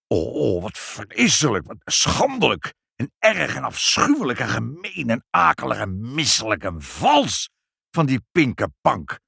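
A man's voice: mid-range voice, very animated, moderate pace, no room sound, studio quality, pitched above the performer's own voice. A man doing a fussy, indignant father. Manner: indignant, emphatic. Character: fussy, easily outraged father.

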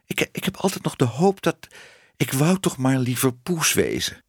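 A man's voice: medium pitch, sing-song, normal speed, husky, no room sound, clean studio sound, pitched above the performer's own voice. A man reading a storybook aloud, voicing a shy young woman who was once a cat and speaks hesitantly. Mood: timid. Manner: hesitant, stammering. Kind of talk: audiobook reading.

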